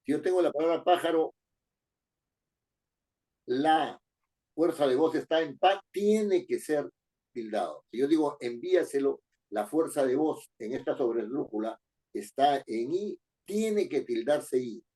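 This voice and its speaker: A man's voice: a little high, lively intonation, measured pace, mellow. A man teaching a class, explaining rules and repeating key phrases while he asks the students questions. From Peru. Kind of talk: spoken lesson on writing and accent marks.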